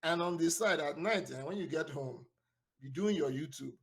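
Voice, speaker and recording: A man's voice: fairly high pitch, moderate pace, creaky. A man putting on a boisterous Nigerian uncle voice with a Nigerian accent, bossing the listener with advice and tagging lines with "eh?". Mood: bossy. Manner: loud, bossy, tag questions like "eh?".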